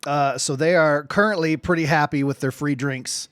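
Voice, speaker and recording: A man's voice: on the high side, moderate pace, a bit bright, clean tone, no echo, clean studio sound. A man running a tabletop game as game master, narrating casually in informal, slangy language.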